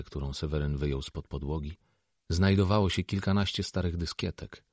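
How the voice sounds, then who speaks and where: A man narrating a novel as an audiobook, in a measured, even storytelling manner. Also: deep voice, slightly rough, no echo, studio quality. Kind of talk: scripted narration.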